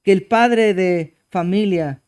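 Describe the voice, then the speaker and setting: A Chilean pastor delivers a church sermon with conviction, his high-pitched voice carrying a smooth, resonant clarity. He takes it slowly, pressing his points with emphatic exclamations before dropping into low, hushed passages.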